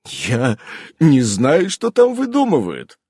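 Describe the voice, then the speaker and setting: A man voicing a calm, slightly boastful man who reassures and teases in a read-aloud story. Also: mid-range voice, takes it slowly, breathy edge, dry recording, clean studio sound, full character voice. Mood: reassuring.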